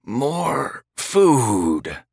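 A croaking, ravenous undead creature, put on by a man reading a storybook. It speaks in short, savage bursts, with a sound set apart from the reader's everyday voice. The delivery is slow and drawn out. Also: mid-range voice, very animated, darkish tone, dry recording, studio quality, pitched above the performer's own voice, exaggerated voice. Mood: hungry.

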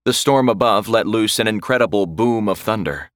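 A man reading a horror story aloud in slow, dramatic scripted narration. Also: lowish voice, no room sound, clean studio sound.

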